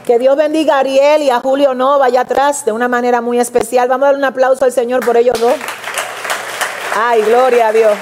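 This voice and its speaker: Woman preacher, animated sermon delivery, higher voice, big reverberant church hall. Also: fast, hardly any pauses, a crowd in the background, noisy background. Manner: animated, addresses congregation directly, acts out quotes.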